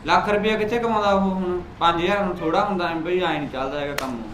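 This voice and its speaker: A man's voice: high voice, fast, a bit bright, reverberant, slight background noise. An actor playing a young man who reproaches his brother's wife for fighting with his mother, with a Punjabi accent. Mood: confrontational. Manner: reproachful, pushy. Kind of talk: short-film acting.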